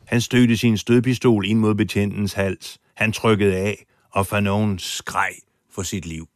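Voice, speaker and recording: A man's voice: lowish voice, steady tone, no echo, studio quality. A man telling a true story as host in scripted documentary narration, acting out the quoted lines with drama. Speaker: podcast host and foreign correspondent.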